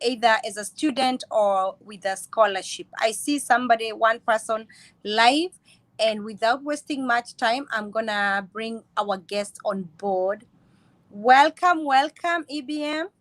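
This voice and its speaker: A woman's voice: on the high side, a little slow, no echo. A woman hosting a casual live-stream chat, greeting viewers and chiming in with short affirmations. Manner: warm greetings, frequent brief affirmations. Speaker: host.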